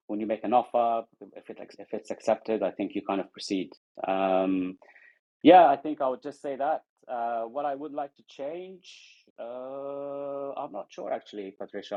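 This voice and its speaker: A man from Afghanistan, a guest in an interview, speaking hesitantly with many ums and restarts. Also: mid-range voice. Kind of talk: casual interview. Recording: muffled social audio stream.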